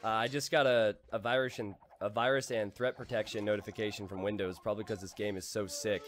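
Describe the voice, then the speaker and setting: A man's voice: fairly low pitch, steady tone, quick pace, soft background music. A man casting a live strategy game, full of puns he then mocks himself for, often laughing at his own jokes. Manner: punning, self-mocking, laughs at own jokes. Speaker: caster.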